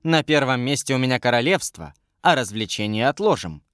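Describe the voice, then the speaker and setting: A man's voice: mid-range voice, lively intonation, brisk, a bit bright, no echo, studio quality. A man reading an audiobook, voicing a curious, commanding young queen with a lightly raised voice. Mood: teasing.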